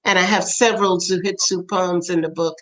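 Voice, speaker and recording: An older woman from Trinidad, a poet being interviewed, telling family stories with lively quoted voices. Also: on the low side, fairly quick, poor audio. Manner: animated storyteller, acts out quoted voices, laughs often. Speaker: poet and author, interview guest. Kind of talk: storytelling in conversation.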